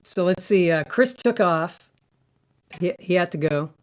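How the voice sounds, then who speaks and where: A man hosting a casual livestream, his voice pitched up and sped up by a sample rate mismatch on his mic rig, rambling and amused at himself. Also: a little slow. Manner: rambling, self-amused, thinking aloud. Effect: pitched-up chipmunk sound from a sample rate mismatch. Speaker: livestream host. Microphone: streaming mic rig.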